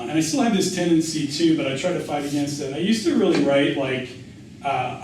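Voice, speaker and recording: In a reverberant indoor event room, captured by a distant mic with faint noise, a middle-aged American author and writing teacher fields questions after a reading. He is conversational and anecdotal, frequently restarting and repeating phrases for emphasis, his higher voice a little mellow.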